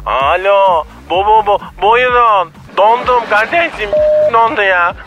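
A man's voice: high-pitched, animated, slow, sharp tone, faint music behind, exaggerated voice. A man playing a thawed-out frozen man who shivers and stammers, heard over a muffled phone line. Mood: shivering. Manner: stammering from cold.

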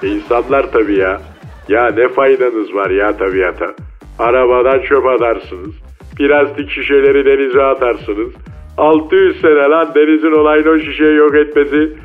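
In a comedy radio sketch, a man plays a cocky male mole cricket talking over a phone line in slangy, boastful, taunting street talk. His voice is medium-pitched and steady at a normal speed, his mood lecturing, with faint music in the background.

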